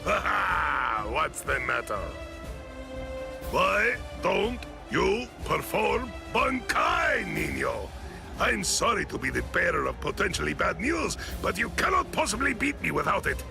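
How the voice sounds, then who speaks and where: Casting: pompous anime game villain, swooping wildly between notes, heavy gravel, music behind. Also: male voice, high voice, big pitch swings, a little slow, exaggerated voice. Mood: mocking. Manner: pompous, theatrical, taunting. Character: flamboyant boastful theatrical middle-aged male warrior villain. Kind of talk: anime game dub acting.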